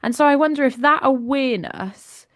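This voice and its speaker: A woman's voice: high voice, moderate pace, a bit bright, no echo. Upbeat woman, dry close sound. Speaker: podcast co-host. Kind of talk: casual chat.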